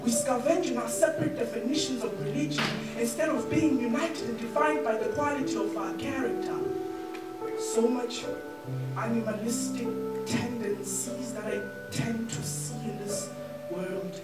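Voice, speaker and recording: A woman's voice: on the high side, moderate pace. A woman performing spoken-word poetry on a school hall stage with a rhythmic, declamatory delivery. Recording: echoey hall from far off with loud music.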